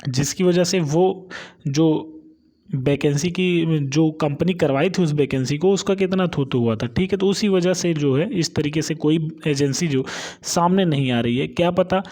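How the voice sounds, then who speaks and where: A channel host with a slightly high voice and darkish tone goes through exam updates point by point in an unhurried, informal way. He checks in with listeners at the ends of his phrases.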